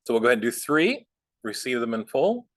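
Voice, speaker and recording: Dry-sounding relaxed male instructor. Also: mid-range voice, fast talker, no echo. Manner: relaxed, rambling, lots of fillers. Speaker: bookkeeping instructor. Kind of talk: casual software class with chatty asides.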